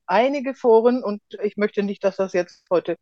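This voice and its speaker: A woman speaks in as a guest explaining things in an interview. Her voice has a medium pitch. The recording is dry and a little dull, with muted detail. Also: normal speed, no echo. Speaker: spokeswoman of a local association, podcast guest.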